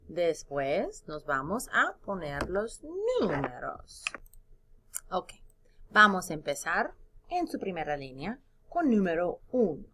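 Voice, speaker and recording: Speaking in a lower register, a woman leads a recorded lesson where she spells words out one letter at a time. She stretches her syllables and offers praise to her students in between prompts.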